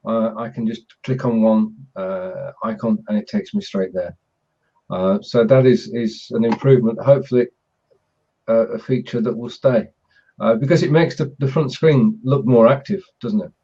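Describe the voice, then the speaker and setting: Mellow-voiced man hosting, dull lo-fi sound. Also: lowish voice, normal speed, slightly rough. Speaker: host. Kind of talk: casual online chat show hosting. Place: group video call. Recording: dull, lo-fi video call audio.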